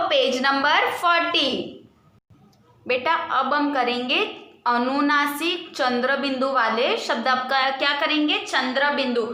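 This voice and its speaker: Patient, slow-spoken woman teaching young children. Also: high-pitched, bright, forceful tone, very echoey. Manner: slow, patient, drawn-out word repetition; asks questions and answers them herself. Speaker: primary school Hindi teacher. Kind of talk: online lesson for young children.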